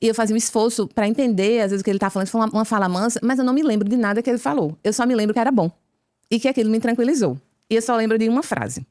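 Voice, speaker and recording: A woman with a Brazilian accent tells her conversion testimony at a quick clip, her voice pitched a little high. She acts out each exchange of dialogue in a lively way. The recording is dry and close, with no room sound. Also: dry recording. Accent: Brazilian Portuguese. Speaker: podcast guest. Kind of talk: conversion testimony told as a story.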